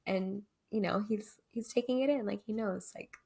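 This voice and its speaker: A woman's voice: medium pitch, moderate pace, gravelly, dark tone. A young woman co-hosting a podcast, talking candidly and reflectively, dotted with "like" and "right?" fillers. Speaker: podcast co-host.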